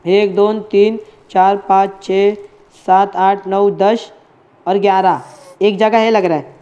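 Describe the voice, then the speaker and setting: Chatty game streamer, lo-fi mic. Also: male voice, high voice, steady tone, takes it slowly, warm tone, clear, resonant tone. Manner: chatty, addresses chat and friends as bhai. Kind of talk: casual live game commentary.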